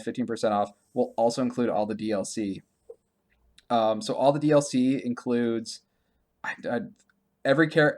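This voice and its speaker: In a medium-pitched, slightly mellow voice, this video game podcast host talks casually about gaming news. His delivery is rambling and stammering, and he often repeats himself.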